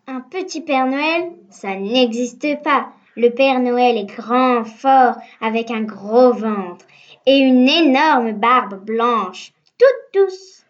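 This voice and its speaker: A woman's voice: a little high, lively intonation, very slow. A woman voicing a tall ten-year-old girl, blunt and dreamy, in a childlike way of talking. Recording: dull lo-fi recording.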